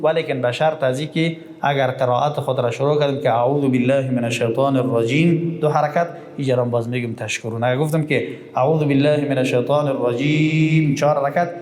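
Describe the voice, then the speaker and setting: A man teaching Quran recitation, explaining rules and chanting verses slowly. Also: mid-range voice, steady tone, a little mellow. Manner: explains slowly, then chants verses in long drawn-out tones. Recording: echoey room with long reverb.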